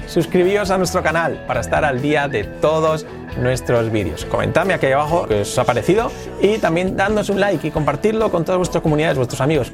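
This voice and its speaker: Lively teacher repeating phrases. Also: male voice, on the high side. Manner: repeats English phrases slowly, explains quickly. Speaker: English teacher. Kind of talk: grammar lesson.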